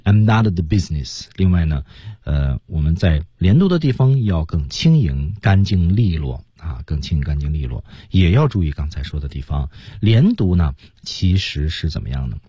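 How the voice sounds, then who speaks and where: Male radio teacher, low husky voice, lively intonation, patient explainer. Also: dry recording, highs cut off. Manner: explains slowly, models lines in English. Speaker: English reading teacher.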